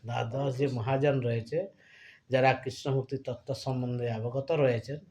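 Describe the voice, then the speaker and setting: A hoarse man teaching a devotional scripture class, who often checks that his listeners have understood and leads them in chanting. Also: mid-range voice, fairly even intonation, normal speed, a little mellow. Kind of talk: devotional class talk and call-and-response chanting.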